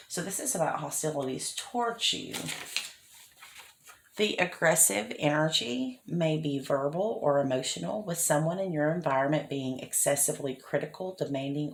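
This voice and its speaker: A woman giving a casual tarot reading, chatty and often checking in with the listener. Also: deep voice. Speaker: tarot reader. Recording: echoey room.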